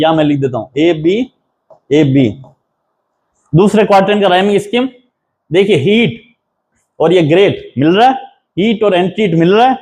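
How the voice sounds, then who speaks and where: A man delivers a patient classroom-style lecture. His voice sits high for a man, and he repeats key terms and counts out the stresses one by one. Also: a little mellow. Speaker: assistant professor teaching English poetry. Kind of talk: lecture explaining a poem.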